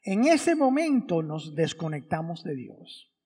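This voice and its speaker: A man's voice: on the high side, big pitch swings, slow pace, warm tone. A man, a priest, giving a conversational Sunday homily and asking the congregation many rhetorical questions. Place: church during Mass. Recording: long church reverb.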